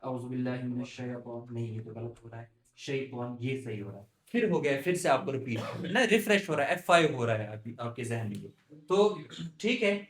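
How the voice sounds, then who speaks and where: A man teaching a Quran recitation class, patiently drilling his students and repeating words slowly. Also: medium pitch, sing-song, roomy sound.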